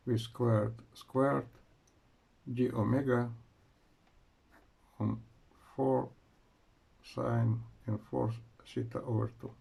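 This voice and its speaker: Slow gravelly man lecturing physics. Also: medium pitch, dark tone. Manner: slow, halting, frequent "uh" pauses while writing. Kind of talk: university lecture.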